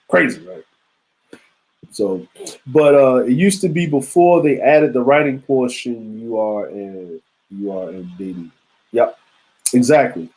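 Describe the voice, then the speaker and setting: A man around forty hosts a live-stream show, chatting loosely with slang and lots of asides to his viewers. His voice sits at an everyday middle pitch. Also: darkish tone, poor audio. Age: 40s. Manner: loose and conversational, street slang, frequent asides to chat. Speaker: show host. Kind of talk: casual live-stream commentary.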